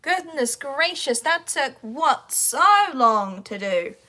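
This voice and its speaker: A woman voice actor hosts a livestream Q&A in casual chat, her high voice hoarse and croaky from a sore throat, expressive, pushed, and bright. She rambles unhurriedly, talking half to viewers and half to herself while fighting with her devices.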